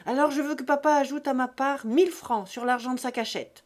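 A woman voicing a furious, jealous young male peasant who shouts and rants. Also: sits high, fairly quick, pitched above the performer's own voice, lightly acted. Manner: shouting, ranting.

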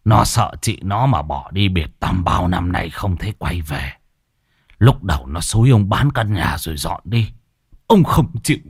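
A man voicing a grim, sorrowful old grandfather who speaks slowly in hushed, weary warnings. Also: sits low, expressive, husky, no room sound, studio quality, heavily acted. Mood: stern.

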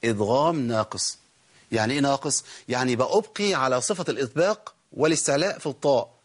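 A man teaches Quran recitation at a quick pace in a mid-range voice with an Egyptian Arabic accent. Throughout the tajweed lesson he lays out each rule, asking questions and answering them himself.

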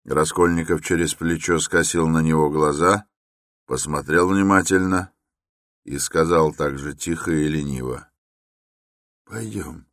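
A man narrating a classic novel as an audiobook in a measured, even reading. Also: rumbling low, no room sound, clean studio sound. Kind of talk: scripted literary narration.

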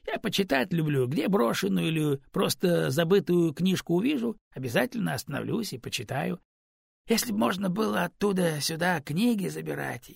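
Fussy storybook raven, high and wheedling, husky and gravelly, put on by a male reader. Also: no echo, studio quality, exaggerated voice. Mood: eager. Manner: high, whiny and pleading. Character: fussy, pleading, book-loving raven. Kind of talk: audiobook character voice.

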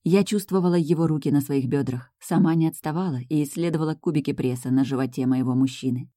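An audiobook narrator reading a first-person fantasy romance in a calm, measured way on a close studio microphone. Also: mid-range voice, no echo.

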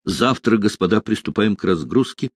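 Man reading a brisk formal naval officer in an audiobook, no-nonsense. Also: lowish voice, animated, slightly rough, dry recording, clean studio sound. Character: brisk male naval officer, businesslike, subdued.

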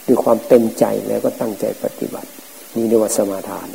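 A middle-aged man, a Buddhist forest monk, giving a calm, plain-spoken dharma talk. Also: mid-range voice, fast, gravelly. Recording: hissy, noisy old recording.

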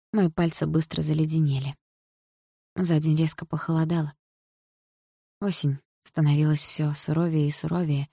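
A woman with a low, even voice reads a novel in the first person, steady and quietly emotional. Her voice sounds close and dry, with no room around it. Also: creaky, breathy edge, dry recording. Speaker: audiobook narrator. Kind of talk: first-person audiobook narration.

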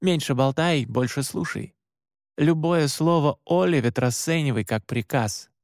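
A man's voice: a little high, measured pace, a little mellow, no room sound, studio quality. A man voicing a stern young male hunter who gives his younger brother short, terse instructions.

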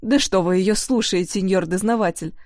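A woman narrator voicing an anxious female cook who hurriedly hushes and explains in a dry studio sound. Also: mid-range voice, no echo, natural voice. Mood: hushing. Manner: hurried, hushing.

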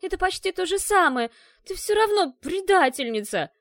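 A hot-tempered young inventor girl, played by a woman narrator, shrill and indignant. Her pitch sits high and leaps about, recorded dry and close. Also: very animated, normal speed, dry recording. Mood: furious.

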